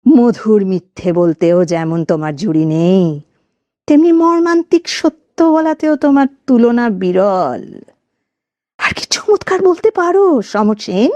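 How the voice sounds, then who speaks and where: A cold, hissing female ghost, bitter and vengeful over a lover who jilted her, as a woman narrator puts her on. She talks slowly with a warm, low-lit tone and swings her pitch widely between whispers and cries, in a dry, close storybook recording. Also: expressive, no echo, dull audio. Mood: mocking.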